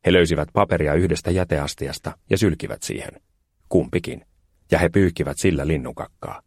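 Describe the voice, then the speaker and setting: A man narrating a children's storybook aloud in a plain, unhurried way. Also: low voice, no room sound, clean studio sound.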